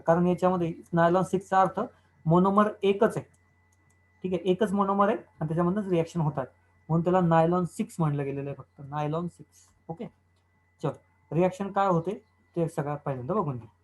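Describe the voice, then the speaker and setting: A man's voice: on the high side, rough recording. Guy teaching chem, talks you through each step, asks then answers himself. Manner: explains step by step, asks and answers own questions. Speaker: chemistry teacher. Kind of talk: classroom lecture.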